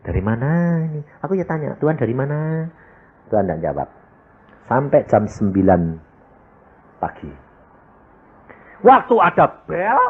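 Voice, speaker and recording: A man preaching a sermon in with a lilt, telling a story and acting out the other voices with big jumps in pitch. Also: husky. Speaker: pastor. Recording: phone-like narrow sound.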